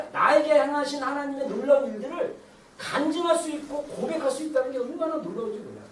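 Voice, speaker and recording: A woman in her thirties preaching a lively sermon as pastor, at times shouting out cries to God. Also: sits high, a little hiss or hum. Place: church sanctuary. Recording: roomy church hall from far off.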